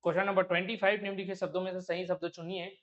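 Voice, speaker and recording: Man teaching Hindi spelling, high voice. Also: level tone, very fast, fairly bright tone, muffled recording. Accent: Chhattisgarhi Hindi. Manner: explains step by step, asks rhetorical check questions. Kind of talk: exam-prep lesson.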